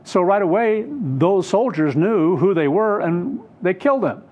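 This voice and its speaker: A man's voice: high-pitched, sing-song, unhurried, dull audio. A man teaching on scripture off the cuff, earnest and rambling, often correcting himself mid-sentence. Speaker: Bible teacher. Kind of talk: unscripted Bible teaching.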